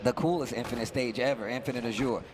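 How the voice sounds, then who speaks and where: A man's voice: mid-range voice, fast, crowd noise. A man commentating on a fighting game tournament with casual, slangy analysis of the play. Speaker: esports commentator. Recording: music playing behind the voice.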